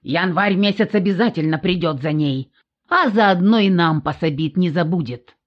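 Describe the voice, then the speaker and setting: Gruff, bossy old woman for an audiobook, low voice, slightly dull sound, read by a woman. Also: normal speed, close to an everyday voice. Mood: assured. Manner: gruff, commanding. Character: stern bossy old woman, foul-mouthed. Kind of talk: audiobook character voice.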